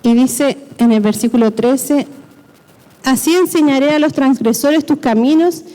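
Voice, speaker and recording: A woman preacher gives a sermon in a church hall, explaining things step by step and often checking in with the congregation. Her voice is high, a little slow, and mellow, and the recording carries long hall reverb.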